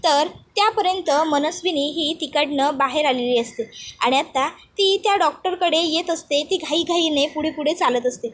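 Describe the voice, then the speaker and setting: A woman narrating a recap of a serial episode in a brisk, steady storytelling manner. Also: sits high.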